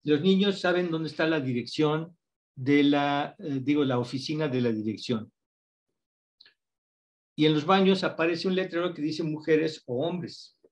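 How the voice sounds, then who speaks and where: Mexican man, interview guest, patient teacherly explainer with a slightly raised pitch. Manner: patient, teacherly, spells out examples slowly. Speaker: guest researcher on reading instruction.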